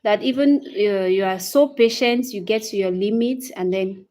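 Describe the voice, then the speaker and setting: Her voice is warm and medium-pitched at a normal speed as this Cameroonian-accented English teacher, in her thirties, leads a casual livestream. She greets viewers by name and answers their comments individually, often repeating phrases and asking "okay?"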